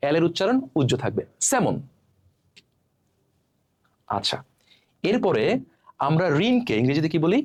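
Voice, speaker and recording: Man teaching word pronunciation, slightly high voice. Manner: asks questions then models words. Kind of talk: lesson to camera.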